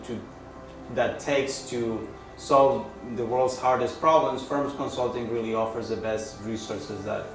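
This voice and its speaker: Brief: man, 30s, from Chile, Spanish native, consultant testimonial; earnest, halting, many restarts; mic set back in a roomy, echoing space. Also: medium pitch. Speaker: management consultant. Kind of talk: testimonial interview. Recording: echoey room, distant mic, music underneath.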